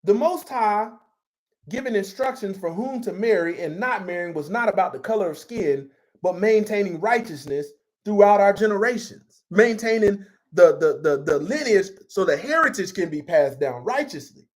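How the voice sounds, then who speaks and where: A man's voice: high voice, expressive, normal speed. A man preaching a sermon in an emphatic, conversational style and repeating himself for force. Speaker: pastor.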